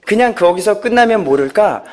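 A man's voice: high-pitched, lively intonation, moderate pace. A man giving a personal church testimony, storytelling with animation, acting out quotes and chuckling as he goes.

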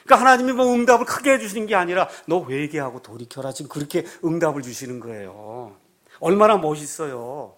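A man's voice: a little high, fast. A male pastor preaching a sermon, acting out quoted speech in a raised voice. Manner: animated preaching, acts out quotes loudly.

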